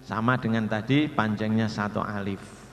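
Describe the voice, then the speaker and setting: A man with an Indonesian accent teaching Quran reading, slowly drawing out Arabic sounds to demonstrate them. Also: lowish voice, fairly even intonation. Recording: echoey hall with long reverb.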